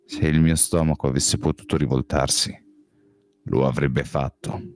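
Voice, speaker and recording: Very deep-voiced man reading a novel. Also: fairly even intonation, moderate pace, soft background music. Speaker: audiobook reader. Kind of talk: first-person novel narration.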